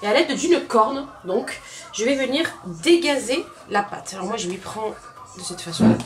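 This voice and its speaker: With a voice on the high side, lively intonation, and a moderate pace, a woman with a Southern French accent runs a casual cooking tutorial at home. She demonstrates a recipe while chatting right to her viewers, frequently repeating words.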